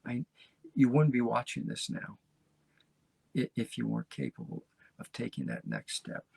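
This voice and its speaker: A man in his seventies hosting a talk show, folksy and rambling, encouraging his listeners with a gravelly voice. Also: mid-range voice, huge pitch swings, normal speed, darkish tone, dry recording. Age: 70s. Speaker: podcast host. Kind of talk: motivational casual talk.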